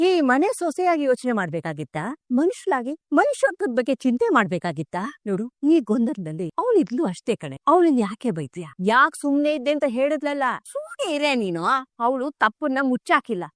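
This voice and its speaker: A woman's voice: sits high, wildly swooping pitch, fairly quick, no echo, clean studio sound. An actress playing a wise older grandmother in a TV serial, soothing yet firm with her family. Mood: persuasive. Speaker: grandmother character. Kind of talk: TV serial acting.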